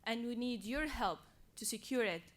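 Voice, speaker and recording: A young woman from Syria, a youth advocate, giving an earnest, measured prepared speech. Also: a little high, animated.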